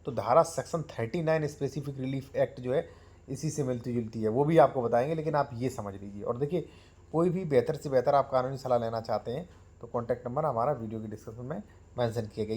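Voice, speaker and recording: A man gives a step-by-step lesson on land law and reads out legal clauses slowly to his viewers. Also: medium pitch.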